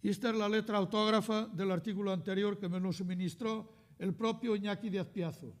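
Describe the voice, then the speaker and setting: An older man from Galicia with a Galician Spanish accent, giving a lecture as a historian and reading out cartoon captions in lively voices. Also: sits high, fairly quick. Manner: reads captions aloud with lively quoted voices, translating as he goes. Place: lecture hall. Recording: reverberant lecture hall.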